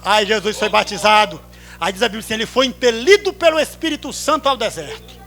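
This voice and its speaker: A Brazilian man preaching a sermon at a church service, swinging from hushed storytelling to drawn-out shouts. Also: high-pitched, expressive, faint music behind. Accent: Brazilian Portuguese.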